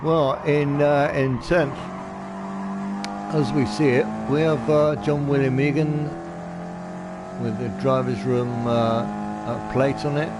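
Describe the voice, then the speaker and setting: A man giving amateur online racing commentary in a halting, polite and understated way. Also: mid-range voice, fairly even intonation. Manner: hesitant, halting delivery. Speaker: race commentator. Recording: loud car engine noise behind. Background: racing car engines.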